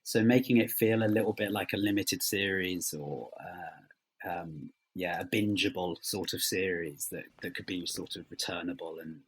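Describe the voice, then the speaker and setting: A man with a deep, husky voice answers interview questions as a writer. He's thoughtful and hesitant, his phrasing halting as he keeps trailing off and rephrasing.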